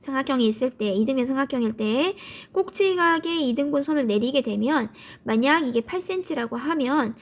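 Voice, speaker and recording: High-voiced woman teaching math. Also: lively intonation, a little fast, hardly any pauses. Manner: asks questions and answers them herself; colloquial, upbeat, often starts with "so". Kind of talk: classroom math lecture.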